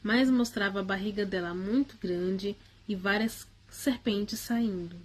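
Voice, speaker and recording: A woman's voice: mid-range voice, measured pace. A woman casually recounting a personal spiritual experience in the first person. She speaks hesitantly, with frequent tag questions and restarts.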